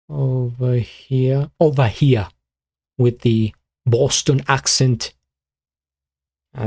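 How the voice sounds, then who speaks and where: A man with a medium-pitched voice, a beatbox streamer, chats casually on a live stream and mutters to himself while fiddling with his streaming software.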